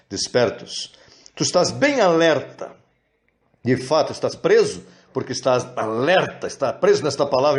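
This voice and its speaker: Animated preaching man, fairly high voice. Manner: animated, acts out quoted prayers in high wailing voices. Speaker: pastor. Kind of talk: sermon.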